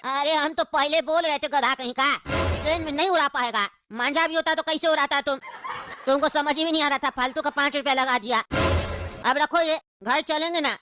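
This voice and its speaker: Woman playing a gentle old grandpa. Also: sits high, normal speed, over music, close to an everyday voice. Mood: indulgent. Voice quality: gentle, indulgent. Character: patient elderly grandfather. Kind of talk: cartoon comedy.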